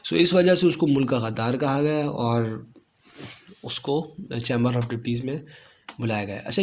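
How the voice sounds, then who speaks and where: A man teaching a lesson, explaining a play step by step and mixing in English phrases. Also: mid-range voice.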